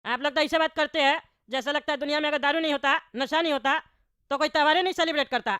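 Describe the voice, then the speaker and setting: A woman's voice: high voice, fast, pushed and bright, no room sound, studio quality. A woman voicing a bald, short-tempered male politician in a cartoon, always scolding. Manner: scolding, indignant. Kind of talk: cartoon voice acting.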